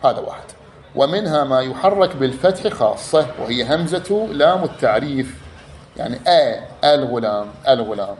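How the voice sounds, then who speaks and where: A man's voice: medium pitch, lively intonation, normal speed, darkish tone, a little hiss or hum. A man teaching a class, explaining step by step, repeating key words and drawing out examples. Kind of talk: explanatory lecture.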